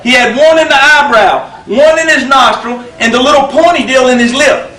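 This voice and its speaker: A man's voice: extremely high pitch, normal speed. A man giving a funny, folksy motivational talk on stage to a live audience. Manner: folksy, drawling storyteller with punchlines. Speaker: motivational speaker. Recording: roomy hall, distant mic, loud noise.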